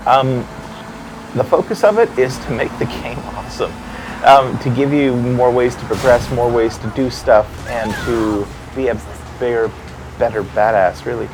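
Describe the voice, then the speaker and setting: A man hosts a casual game livestream, laying out an upcoming update point by point. He sounds upbeat and at ease. There is a clear hum of air conditioning behind him. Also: medium pitch, moderate pace. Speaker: game developer hosting a livestream. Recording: background hum and noise.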